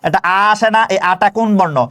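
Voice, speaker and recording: A man teaching grammar, asking questions and answering them himself and slowly stretching out example words. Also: high-pitched, fairly bright tone. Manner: stretches words slowly when demonstrating pronunciation. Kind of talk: classroom-style grammar lesson.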